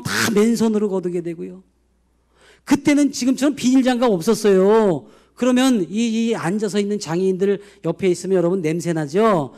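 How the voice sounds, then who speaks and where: A middle-aged male pastor gives an emotional testimony sermon, swinging between loud outbursts and hushed asides. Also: high-pitched.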